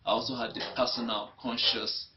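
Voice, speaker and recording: Recorded in dull lo-fi with a bit of hiss or hum, a young Nigerian man with a Nigerian accent speaks fairly quickly in a flat, mid-range voice. His interview is personal testimony about his life, reflective and often repetitive.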